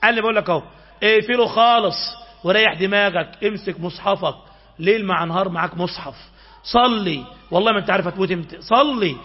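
Male Egyptian preacher, very high voice, quick urgent delivery, dull lo-fi sermon recording. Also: husky. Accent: Egyptian Arabic. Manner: impassioned, urgent preaching with sudden raised outbursts.

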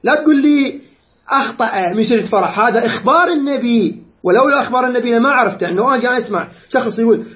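A man's voice: very high-pitched, racing, dull audio. A man giving an earnest religious lecture, explaining rulings point by point and citing sources.

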